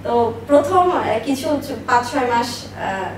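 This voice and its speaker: Speaking a little slowly in an expressive, fairly high voice, a business owner in her thirties shares personal life stories as an interview guest. She's emphatic and repeats herself for stress. Expect an echoey room, a distant microphone, and faint noise.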